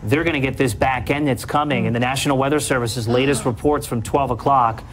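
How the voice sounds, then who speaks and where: A male television news anchor delivers live storm coverage in a mid-pitched voice. There is some background noise and ambience behind him as he talks viewers through developments. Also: fairly even intonation, brisk.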